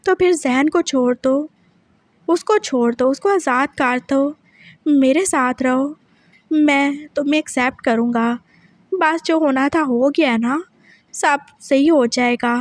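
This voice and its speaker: A woman's voice: sits high, slow pace, dry recording. A woman reading a story aloud, voicing a young husband who pushes hard with repeated questions. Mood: pleading. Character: intense possessive young husband, man.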